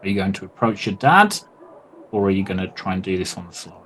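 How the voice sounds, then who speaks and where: A man's voice: low voice, animated, fast talker, fairly bright tone, a little hiss or hum. A man narrating and running a tabletop game in loose, rambling, sweary talk. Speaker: game master.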